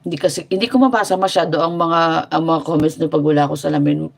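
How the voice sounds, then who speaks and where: A woman's voice: deep voice, steady tone, fast, vocal fry. Sassy, chatty woman on a livestream. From Philippines. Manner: chatty, mixing Tagalog and English; sassy and teasing. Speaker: livestream host. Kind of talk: casual live-stream chat.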